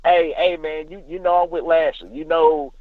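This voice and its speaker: A man calls in to a talk show and argues his point bluntly, cursing freely and stumbling over restarts. His voice sits at an ordinary pitch. The call comes through a dull, lo-fi line. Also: flat delivery, moderate pace, over a noisy crowd. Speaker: caller. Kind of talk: call-in radio chat.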